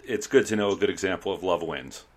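A man co-hosting a podcast, reading the show intro in a measured, announcer-like way and chiming in briefly. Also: sits low, husky. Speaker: podcast co-host. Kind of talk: scripted show intro and casual chat.

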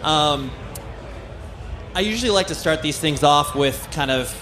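A man's voice: on the high side, lively intonation, a little slow, sharp tone. An American man hosting a casual live interview in a chatty, effusive, conversational way. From California, United States. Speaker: podcast host, interviewer. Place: live stage at a music festival. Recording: background noise, live festival stage.

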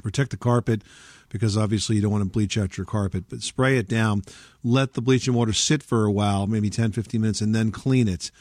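A man's voice: lowish voice, steady tone, brisk, a little mellow, no room sound, studio quality. A man hosting a home improvement radio show, explaining things in an instructive way. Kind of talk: home improvement advice and upbeat show announcing.

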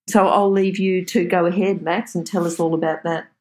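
Low-voiced woman hosting an interview. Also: steady tone, moderate pace, a little mellow, echoey room. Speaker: podcast host. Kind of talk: interview hosting, addressing listeners and guest.

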